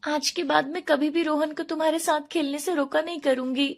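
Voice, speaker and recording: A woman voicing a sharp-tongued village mother who scolds loudly in a cartoon story. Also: fairly even intonation, a little fast. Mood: apologetic. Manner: shrill, scolding.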